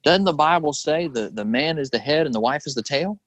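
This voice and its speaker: A man voicing a defensive older man in his sixties, who gives flat, matter-of-fact denials. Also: a little high, brisk, a little hiss or hum, pitched above the performer's own voice, close to an everyday voice. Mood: earnest.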